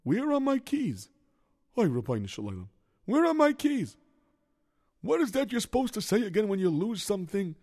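A man's voice: high voice, no echo, studio quality. A man playing a bumbling handyman who talks himself through every mishap, with Yiddish exclamations scattered through his muttering. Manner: rambling self-talk, sprinkled with Yiddish exclamations. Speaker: lunch driver. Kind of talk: children's comedy sketch.

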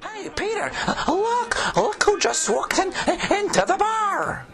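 A man voicing a high, giggly, stammering tavern patron in a storybook tale. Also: big pitch swings, takes it slowly, creaky, crowd noise, heavily acted. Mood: excited.

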